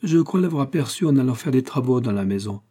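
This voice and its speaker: A man's voice: medium pitch, expressive, fast, warm tone, husky. A man voicing a talkative middle-aged village carpenter who gushes eagerly. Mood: enthusiastic.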